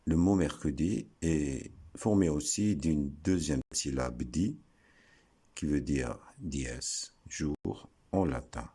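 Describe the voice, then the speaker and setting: Slow, very deep-voiced man teaching. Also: dark tone, breathy edge. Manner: deliberate, breaks words into syllables, pauses often. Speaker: teacher explaining word origins. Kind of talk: slow explanatory lesson.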